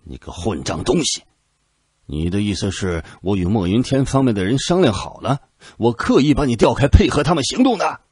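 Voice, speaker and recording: A gruff, explosive army general from a storybook tale, roaring and cursing in a raised, husky voice that swings wildly up and down, as a male narrator puts him on. The voice is dry and close. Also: on the low side, wildly swooping pitch, normal speed, long pauses, dry recording, exaggerated voice. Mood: furious.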